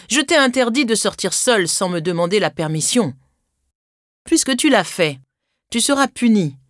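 A woman's voice: fairly low pitch, no echo, clean studio sound. A woman doing a stern scolding mother. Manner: scolding, firm and raised. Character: stern worried mother queen, usually tender.

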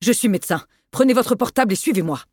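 Narrator doing a bossy doctor yelling orders, way higher than the reading voice, dry sound. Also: expressive, fast, no echo, natural voice. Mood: urgent. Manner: barking urgent orders. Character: authoritative male doctor taking charge.

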